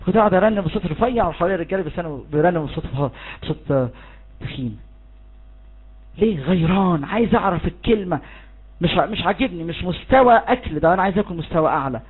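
A man with an Egyptian Arabic accent preaches a charismatic sermon in a high, expressive, fast, slightly rough voice. Fervent, he urges listeners on and leads them in shouted declarations, all on a tinny, phone-like recording.

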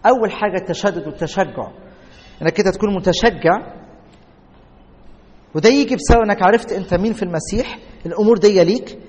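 A man with an Egyptian Arabic accent preaching a sermon as a pastor, emphatic and slowing down to stress key words. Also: high-pitched, darkish tone, lo-fi sound. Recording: long reverb of a large hall.

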